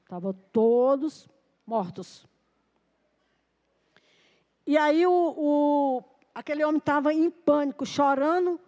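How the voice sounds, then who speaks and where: A woman preacher with a high voice gives a Sunday sermon. She tells her testimony as a story, plays each person's lines in the dialogue, and keeps calling out "Amen?" to the congregation. At key points she slows to a deliberate crawl. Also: a little mellow. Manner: testimony told with quoted dialogue, frequent "Amém?" to the congregation; slows down sharply for emphasis.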